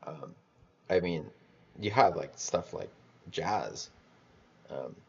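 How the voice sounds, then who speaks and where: A man rambling in a casual monologue about music theory, halting and restarting as he thinks aloud. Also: low-pitched, vocal fry, darkish tone, husky, dull audio. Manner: musing, halting, many restarts and swearing.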